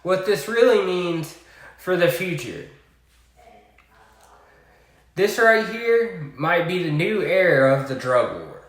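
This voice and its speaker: A man with a Southern US accent giving a political commentary monologue, deliberate, with sarcastic asides. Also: high-pitched, expressive, echoey room.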